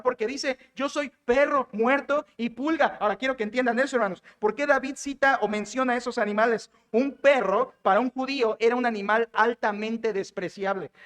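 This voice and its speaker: A man's voice: extremely high pitch, fairly bright tone. A Mexican man preaching from the pulpit in a sermon style. He drives his points home with repeated phrases and keeps asking his listeners direct questions. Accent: Mexican Spanish. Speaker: pastor.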